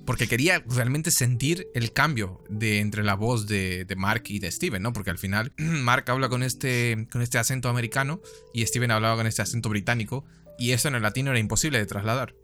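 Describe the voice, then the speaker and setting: Man, Argentine Buenos Aires accent, podcast co-host, easygoing rambling chat, mid-pitched voice, faint music behind. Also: brisk, sharp tone. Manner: rambling, many restarts, easygoing. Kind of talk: casual chat.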